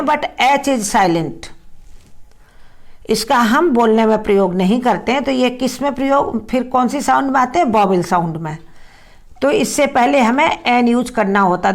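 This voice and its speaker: A woman teaching an English grammar lesson, explaining in Hindi and reading English examples slowly and deliberately. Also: fairly high pitch, expressive.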